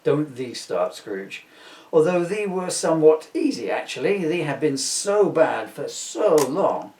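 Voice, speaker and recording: A man's voice: a little high, big pitch swings, measured pace, a little mellow, a little hiss or hum. A man voicing a sardonic, henpecked, foul-mouthed Christmas ghost in a comic audiobook, rambling and complaining in mock-archaic words. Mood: grumbling. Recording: roomy, echoey, distant microphone.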